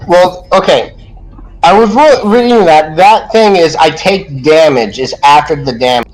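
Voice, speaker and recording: A man playing a tabletop game, talking in halting starts while he checks rules. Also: fairly high pitch, rough recording. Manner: halting, asks rules questions. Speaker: player.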